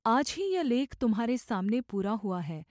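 This is a solemn, calm adult male teacher speaking with quiet authority in a measured scripture reading, as a woman reads him aloud. The voice sits somewhat high, with a lively, rolling rise and fall. The tone is mellow and soft, recorded close and dry. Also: dry recording.

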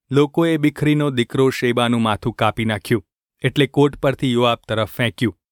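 A man reading scripture in a steady, measured narration. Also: medium pitch, clean tone, dry recording, studio quality. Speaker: scripture reader.

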